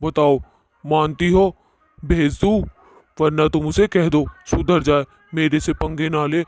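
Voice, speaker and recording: A short-tempered male ghost in a cartoon, played by a man. He complains and threatens in a slightly high, flat voice. The recording is dry and close. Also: takes it slowly, dry recording. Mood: bossy.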